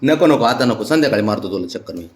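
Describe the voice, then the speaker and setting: A young man talking affectionately to his cats at home, coaxing them in baby talk that soars into a high sing-song when he greets them. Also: lively intonation, fast talker, slight background noise. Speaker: cat owner. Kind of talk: casual talk to pets.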